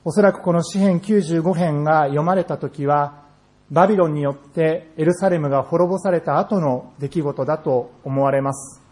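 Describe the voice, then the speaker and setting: Earnest higher-voiced male pastor preaching. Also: darkish tone. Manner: measured, earnest preaching with slow emphatic phrases. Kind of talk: sermon. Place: church sanctuary.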